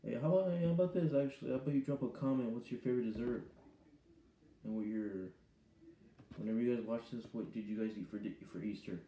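A man's voice: medium pitch, quick pace, dark tone, roomy sound, a little hiss or hum. A teenage boy vlogging casually to camera from his bedroom, rambling and hesitant with lots of ums. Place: small bedroom indoors. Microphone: webcam or phone at arm's length.

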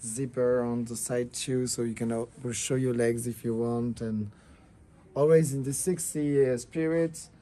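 His medium-pitched voice is dark-toned, with fairly even intonation and a measured pace. A young French-accented fashion designer, he presents his collection in a showroom, explaining casually and eagerly despite halting English.

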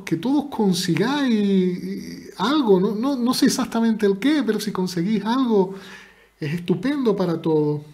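A man plays a laid-back Canary Islands man with a broad Canarian accent, speaking well above his usual voice in a slow, sing-song drawl. He sounds affectionate and unhurried, and he lets his pitch swing up and down. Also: mellow. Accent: Canarian Spanish. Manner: drawling, sing-song and calling people "mi niño".

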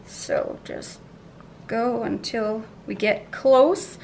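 A woman's voice: fairly high pitch, steady tone, extremely slow, gravelly, background noise. A woman talking through her weekly meal prep in a home kitchen, bubbly and playful with cutesy pet words. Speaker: weight-loss vlogger. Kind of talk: casual cooking and meal-prep talk.

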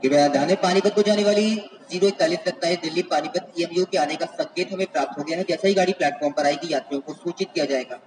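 A man giving a rapid, run-together railway announcement over a PA system at a station. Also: on the high side, a little hiss or hum. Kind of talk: live train announcement. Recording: echoey station loudspeaker from far off.

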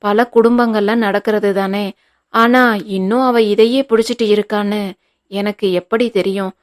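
A woman's voice: mid-range voice, fairly even intonation, moderate pace, close to an everyday voice. A woman voicing an irritable, short-tempered grown son who snaps out questions, in an audiobook reading. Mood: irritated.

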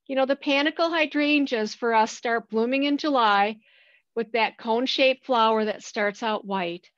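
A woman's voice: fairly high pitch, moderate pace, fairly bright tone, no room sound. A woman from a plant nursery giving a friendly, enthusiastic slide talk to a garden club. She describes plants with frequent fillers and restarts. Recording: dull, dry lo-fi recording.

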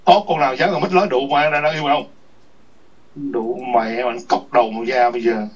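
Male chat host, husky, crude scolding rant, distant lo-fi sound. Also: mid-range voice, fairly even intonation, fairly quick. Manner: foul-mouthed, scolding, repetitive taunts. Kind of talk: ranting livestream chat. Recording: distant muffled lo-fi mic.

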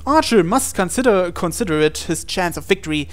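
Brisk and animated, a man with a high-sitting voice reads a visual novel aloud. He narrates the on-screen text dramatically as a let's player, with music playing underneath.

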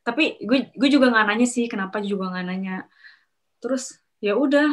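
A chatty young woman confides a story about her work, speaking at a moderate pace in a fairly high voice. She acts out her coworkers' lines with sharp rises in pitch, and her casual, slangy talk is full of fillers and restarts.

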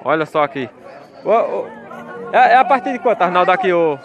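A man with a high-pitched voice, lively intonation and a slightly fast delivery vlogs his tour of a cattle fair. Among the outdoor pens he films on his phone, chatting to viewers and repeating his call-outs, with crowd chatter from the market behind him.

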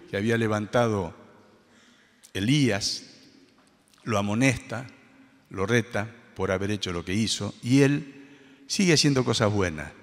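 Male pastor, animated storytelling sermon, long reverb of a church hall. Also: medium pitch. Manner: lively storytelling, acting out the characters' voices.

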